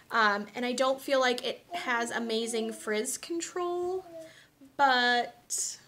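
Chatty young woman, fairly high voice. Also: bright, forceful tone, slight background noise. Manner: chatty, frank, many ums and asides. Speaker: beauty vlogger. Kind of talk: casual product review chat.

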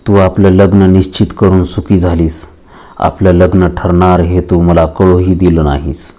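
A bitter young farm laborer who talks harshly and defiantly, as a male narrator reads his lines. The voice is very deep with almost no rise and fall. The lines land as blunt storybook accusations. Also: flat delivery, measured pace, dark tone.

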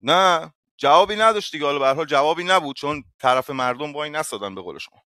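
Bright-voiced man calmly placating. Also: fairly high pitch, no room sound, clean studio sound. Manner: measured, apologetic, placating. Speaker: host of online voice room. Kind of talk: calm conciliatory talk.

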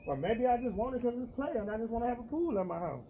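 A middle-aged man with a high voice talks in a loose, slangy way, lecturing his son with fatherly teasing. He is recorded outdoors on a driveway by a camera some distance off. The sound is dull, and steady noise runs behind him. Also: fast talker. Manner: preachy, teasing fatherly talk in casual slang. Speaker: vlogger and father. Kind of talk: casual chat while washing a motorcycle. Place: outdoor driveway beside a house.

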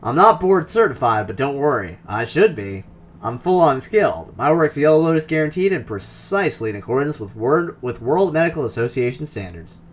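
A man's voice: medium pitch, big pitch swings, brisk. A man voicing a cheerful, boastful cyber-doctor in his forties with a loose Midwestern accent, read from a game's text. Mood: jovial. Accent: loose Midwestern US (put on). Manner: jovial, boastful, rambling.

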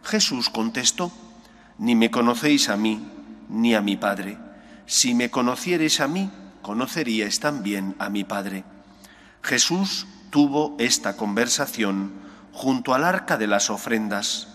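A middle-aged male priest reading the gospel and preaching a homily at an ambo, earnest, his voice rising on questions and dropping soft on key words. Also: lowish voice. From Spain. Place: chapel sanctuary, at an ambo. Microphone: gooseneck mic on ambo. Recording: long church reverb.

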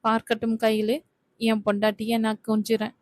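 A woman voicing a playful young husband who teases his wife, in a flat storybook reading. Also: a little high, moderate pace, no room sound, clean studio sound, lightly acted. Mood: teasing. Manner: playful, coaxing. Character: young husband Vetri, teasing and affectionate.

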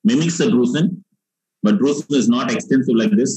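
A man's voice: medium pitch, brisk, warm tone, breathy edge, poor audio. A man with a South Indian accent hosting a live quiz over a video call, encouraging and often repeating his questions and phrases. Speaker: quizmaster. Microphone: computer mic on a video call.

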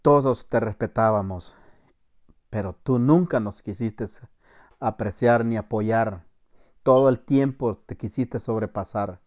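A middle-aged Salvadoran man, a former soldier, telling a story to camera with acted-out shouted commands. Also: fairly low pitch, slow, highs cut off. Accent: Salvadoran Spanish. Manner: acts out shouted commands, laughs, voseo slang.

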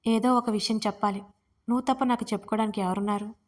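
A woman voicing a sharp-tongued young married woman who scolds her friend in an audiobook romance. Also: on the high side, steady tone, quick pace, close to an everyday voice. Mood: irritated. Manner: scolding, snappy, exasperated. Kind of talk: audiobook character reading.

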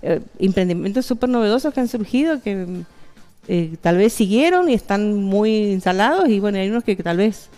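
A woman's voice: mid-range voice, animated, normal speed, warm tone, faint music behind. Woman, 50s, Argentine accent, fair organizer, TV studio interview, headset mic, chatty, repeats herself. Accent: Argentine Spanish. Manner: chatty, affirming, repeats phrases.

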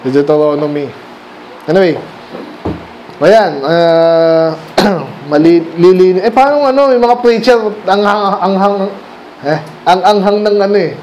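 A man from the Philippines, a pastor, gives a conversational Sunday night sermon in church, firing rhetorical questions at the congregation and switching between Tagalog and English. He speaks a little slowly in a high, a little mellow voice, and there's a little hiss or hum on the recording.

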